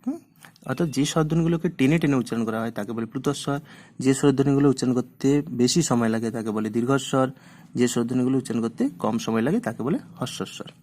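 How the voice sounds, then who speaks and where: A man's voice: medium pitch, fast talker, a little mellow. A man teaching a grammar class, asking questions and then answering them himself. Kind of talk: grammar lesson.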